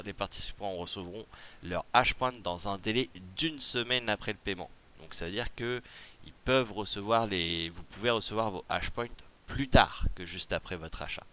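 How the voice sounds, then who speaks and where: A man's voice: fairly low pitch, sharp tone. A man with a Quebec French accent explains a game promotion in a casual tutorial, reading rules aloud and then chatting loosely with fillers and asides. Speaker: gaming video creator.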